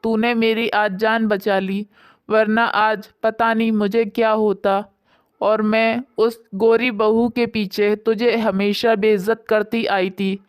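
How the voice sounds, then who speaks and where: A woman's voice: mid-range voice, level tone, slow pace, clear, resonant tone, dry recording, natural voice. A woman voicing a harsh, scolding older mother-in-law in a bedtime storybook. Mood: remorseful. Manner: contemptuous, later remorseful.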